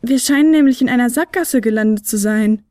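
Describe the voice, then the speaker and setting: A small enchanted flute speaks in a bright, high, fretful voice, as a woman reading the story puts her on. She frets and exclaims with nervous excitement, like a storybook sidekick. The recording is dry and close, with no room around it. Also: no echo, natural voice. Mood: anxious. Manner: high, excited, quick to worry. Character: Fionella, a small talking flute, female, nervous. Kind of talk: audiobook character voice.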